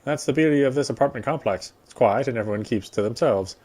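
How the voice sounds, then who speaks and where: Speaking quickly in a medium-pitched, somewhat mellow voice, this man reads a visual novel's story text out loud as he plays. Now and then he trips over a phrase and reads it again.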